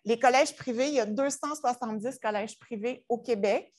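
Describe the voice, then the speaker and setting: A woman's voice: a little high, moderate pace. A woman from Quebec with a Québécois accent, a school innovation director giving a conference presentation in a chatty, joking way. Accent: Québécois French. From Quebec, Canada. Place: presentation room.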